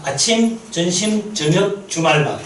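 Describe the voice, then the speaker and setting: Unhurried and high-pitched, a man preaches as a missionary pastor at a mission meeting in a church sanctuary. He tells lively stories and poses questions to the congregation, though the distant, reverberant recording is of poor quality.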